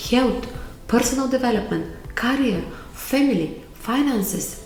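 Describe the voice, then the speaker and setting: A middle-aged Bulgarian woman vlogs life advice to camera in a Bulgarian accent, earnest and emphatic, repeating key words to motivate. Her voice is on the high side and a little mellow, with reverberant sound.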